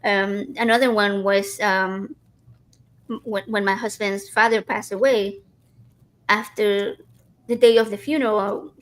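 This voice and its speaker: A woman talking in casual conversation. She chats loosely and keeps restarting her sentences with "like". Her pitch sits in a middle range. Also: fairly even intonation, unhurried, pauses often, rough recording. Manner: chatty, many likes and restarts.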